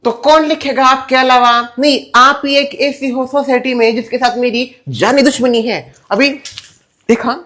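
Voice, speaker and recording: Gossipy complaining housewife, played by a man, chatty, accusing, high voice, comedy sketch. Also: steady tone, measured pace, pushed and bright, full character voice.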